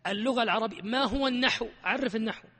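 A man teaching a grammar lesson, animated and emphatic, who keeps quizzing his class. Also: extremely high pitch, rapid-fire, long reverb tail.

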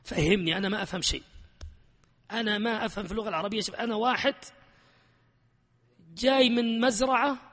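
A blunt, clueless student pleads to have things explained simply, as a teacher puts him on. The voice sits high and rings in a reverberant hall. The plea stays plain and everyday. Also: male voice, fairly even intonation, fast talker, pauses often, fairly bright tone. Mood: pleading. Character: plain-spoken adult student who admits knowing nothing.

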